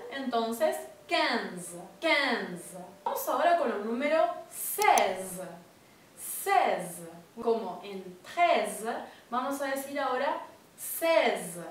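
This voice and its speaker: A woman teaching French numbers in Spanish, repeating each word slowly and checking in with short questions. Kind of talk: pronunciation lesson. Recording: echoey room from far off with faint rumble.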